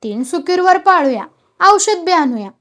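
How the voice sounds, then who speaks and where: A woman's voice: extremely high pitch, sing-song, moderate pace, voice pushed up. A woman voicing an old village priest who calls out to settle the quarrel. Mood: appeasing. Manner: calling out, appealing. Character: calm old village priest man, peacemaker.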